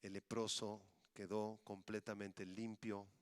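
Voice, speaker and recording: A male pastor preaching a sermon, moving between loud emphatic passages and quiet, hushed phrases. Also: fairly low pitch, level tone, slow, no room sound.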